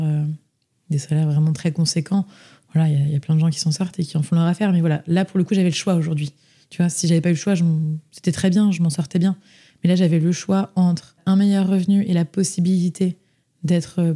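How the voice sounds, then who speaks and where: Young woman chatting on a podcast, low dark voice, lots of euh and restarts. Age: young adult. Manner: chatty, many fillers and restarts. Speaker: interview guest. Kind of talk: casual podcast interview.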